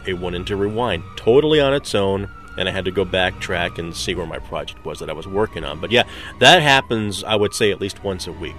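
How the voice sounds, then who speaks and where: A man recounts his experiences in a casual interview manner. His voice is very low, with light music in the background. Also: lively intonation, brisk, a bit bright. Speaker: radio production director being interviewed.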